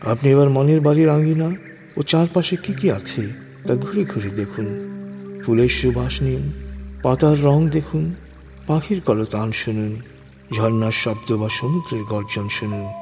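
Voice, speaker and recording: A man leading a guided meditation in a slow, calming hypnotist manner, with a soft, husky voice. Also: medium pitch. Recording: long reverb over background music. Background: music.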